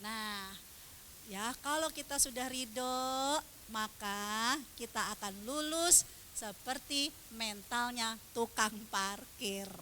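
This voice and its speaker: Middle-aged female preacher, lively storyteller, high and bright, faint hiss behind. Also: slow. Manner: animated storytelling, acts out quotes, Arabic prayer phrases. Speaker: religious teacher. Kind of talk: sermon to a women's study group.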